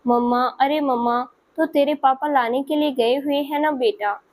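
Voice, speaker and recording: A woman's voice: sits high, unhurried. A woman voicing a caring household auntie comforting a child in a spoken story. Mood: soothing. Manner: soothing, affectionate.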